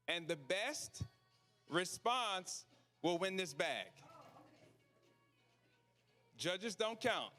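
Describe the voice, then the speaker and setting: A man's voice: high voice, pushed and bright. A man hosting a live event, speaking casually to the audience and often checking in with short questions. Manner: conversational, asks the audience questions, tags sentences with "right?". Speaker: event host.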